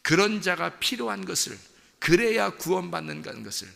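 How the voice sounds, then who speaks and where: A pastor giving an emotional dawn sermon, swinging from quiet murmurs to loud cries. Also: male voice, high voice, sing-song, normal speed, creaky, long reverb tail.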